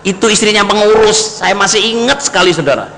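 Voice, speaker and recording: A man from East Java with a matching accent preaches a storytelling sermon, addressing his congregation directly and narrating with big swings. His voice is high, quick, gravelly, bright, and forceful. The recording carries a long hall reverb and faint background noise.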